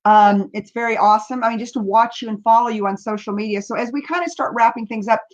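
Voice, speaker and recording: A woman's voice: a little high, fairly even intonation, fast talker. A woman hosting an interview over a video call, enthusiastic and full of praise, laughing often. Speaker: host. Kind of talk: casual interview. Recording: slightly dull lo-fi sound.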